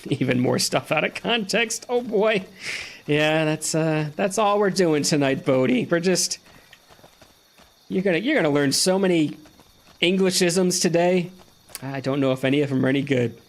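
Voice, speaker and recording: A man's voice: on the high side, animated, normal speed. Chatty, joking man playing a game. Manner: chatty, joking, talks to a friend on a call. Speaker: gaming streamer. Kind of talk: casual let's-play commentary.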